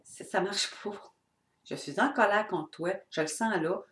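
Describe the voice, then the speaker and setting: A woman's voice: mid-range voice, a little slow, a bit bright. A middle-aged woman with a Québécois accent giving an unscripted, blunt and earnest talk on personal growth to her viewers. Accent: Québécois French. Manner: blunt and earnest, with swearing and mimicked voices. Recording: echoey room.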